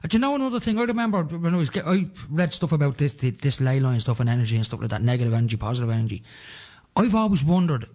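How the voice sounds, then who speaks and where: A man's voice: on the high side, animated, very fast, a little mellow. A man with a Dublin accent hosting a radio talk show, chatting casually in a rambling way with lots of fillers. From Ireland. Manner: rambling, conversational, many fillers.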